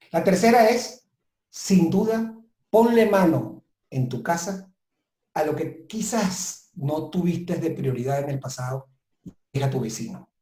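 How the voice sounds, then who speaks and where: A southern Italian man appears as a guest consultant in a webinar interview, offering advice in an emphatic yet reflective manner. His voice sits on the higher side and sounds mellow. The recording is roomy with noticeable echo.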